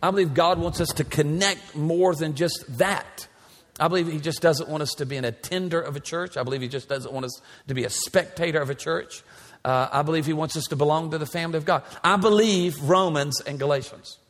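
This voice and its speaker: A man's voice: a little high, fairly quick, fairly bright tone. Man in his forties preaching in a hall. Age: 40s. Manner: emphatic, repetitive preaching cadence. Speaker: pastor. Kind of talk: sermon. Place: large church sanctuary. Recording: church hall reverb.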